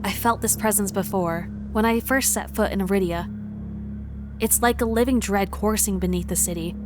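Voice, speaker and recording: With a natural, medium-pitched voice, a woman plays a wary traveler in a visual novel fan dub, narrating introspectively in first person at a measured pace. The mood is tense and determined, with music and background noise behind her.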